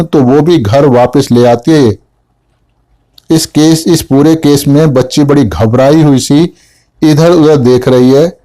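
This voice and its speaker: A middle-aged homeopathic doctor recounts a patient's case in a lecture. His voice is mellow and dark, and he retells the mother's side of the talk in the first person. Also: medium pitch.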